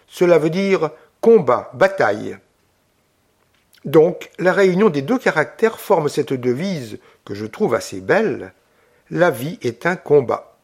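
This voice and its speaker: A man reading an audiobook, voicing a witty, teasing young English lady with a playful, lightly mocking manner. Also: fairly high pitch.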